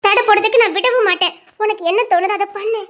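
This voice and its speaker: A woman's voice: extremely high pitch, quick pace, fairly bright tone. A woman playing a caring young friend who coaxes and reassures in an audio drama. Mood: coaxing. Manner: coaxing, reassuring. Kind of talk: Tamil audio drama acting.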